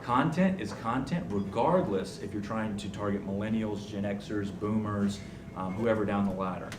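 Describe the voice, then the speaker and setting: A young man serving as a communications officer speaks on a conference panel before a live audience, his fairly low voice at normal speed, confident, punchy, and joking. The conference room is echoey and noisy, and the mic sits at a distance.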